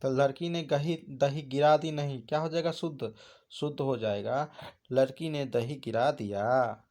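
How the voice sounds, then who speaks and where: A man's voice: mid-range voice, steady tone, unhurried, warm tone. A man teaching an exam prep lesson, asking questions and answering them himself. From India.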